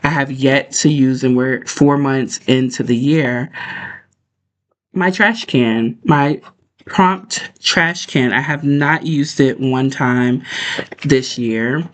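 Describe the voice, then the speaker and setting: A man chatting informally as a book livestream host, talking in a rambling, conversational way. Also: mid-range voice. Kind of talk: casual livestream chat.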